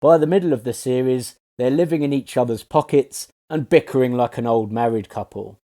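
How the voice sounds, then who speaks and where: A man delivers a scripted series review in a sardonic, foul-mouthed rant. His voice sits at an ordinary middle pitch with a dark, mellow tone. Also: fairly quick. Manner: sarcastic, profane, ranting.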